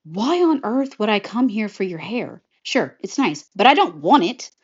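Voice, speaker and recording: A woman's voice: medium pitch, sing-song, moderate pace, husky, highs cut off. A woman doing a smug young thief. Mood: exasperated.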